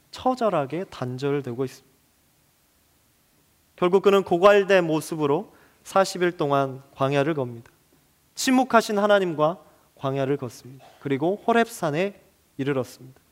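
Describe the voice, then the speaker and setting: A male pastor delivering a dramatic sermon, dropping to a hush and then building to loud, pleading passages. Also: sits high. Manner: dramatic, shifting between hushed and loud passages.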